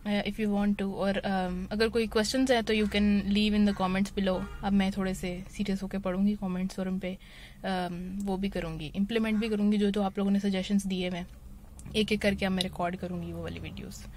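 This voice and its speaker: A woman's voice: mid-range voice, level tone, moderate pace, a little mellow. A young woman casually explaining step by step how to drive, talking into a phone she holds while she drives. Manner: explains each step plainly, slipping English phrases in. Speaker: driving vlogger. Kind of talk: casual driving tutorial. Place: inside a moving car. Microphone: phone held in one hand. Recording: car and road noise behind.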